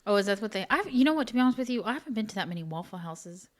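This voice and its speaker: A woman's voice: mid-range voice, animated, rapid-fire. Chatty woman from Oklahoma, rambling. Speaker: podcast co-host. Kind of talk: casual true-crime chat.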